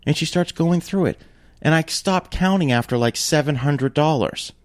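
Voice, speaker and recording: In casual chat, a man tells a story at normal speed, animated and swearing freely, with his pitch jumping whenever he gets worked up.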